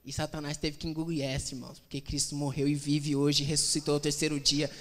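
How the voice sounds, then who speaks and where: A man preaching a conversational, animated sermon, acting out quotes with humor. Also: a little high, quick pace, in a large hall. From Brazil.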